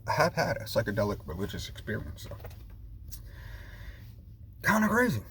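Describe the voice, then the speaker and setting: A man with a fairly low voice talks in a casual, meandering vlog style. He drifts along loosely and repeats phrases as he goes. There is some noise behind him. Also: sing-song, fast, fairly bright tone. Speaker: vlogger. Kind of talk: rambling casual chat to viewers. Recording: noticeable background noise.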